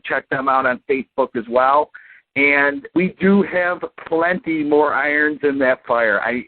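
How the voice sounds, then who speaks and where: Guy cohosting a podcast, rambly with lots of uhs, thin phone-line sound. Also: a little high. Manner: rambling, filler-heavy, folksy. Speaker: podcast co-host. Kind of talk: casual podcast chat. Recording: tinny phone-line audio.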